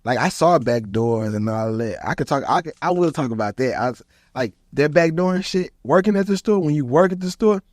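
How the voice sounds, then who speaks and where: A man's voice: fairly high pitch, brisk, no room sound, studio quality. Slangy man in his thirties. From Houston, Texas. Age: 30s. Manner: animated storytelling, slangy, repeats "bro". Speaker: podcast host. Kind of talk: casual podcast chat.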